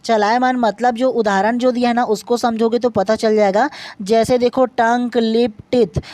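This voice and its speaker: A man's voice: very high-pitched, fairly even intonation, moderate pace, a little mellow, dry recording. Dry-voiced man tutoring an exam class. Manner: explains step by step, repeatedly checks students follow; sprinkles lots of filler "na". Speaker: online exam-prep English tutor. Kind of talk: explanatory online lesson.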